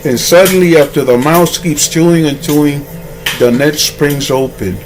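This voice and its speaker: A man's voice: fairly high pitch, moderate pace, music in the background, rough recording. A man giving rambling, moralizing commentary on a vlog and telling a fable, often restarting his sentences. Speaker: vlogger.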